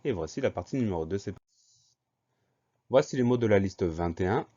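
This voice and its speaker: Man, teacher, low voice, slow patient spelling lesson, letter-by-letter dictation, dull lo-fi sound. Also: animated, dark tone. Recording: dull lo-fi recording.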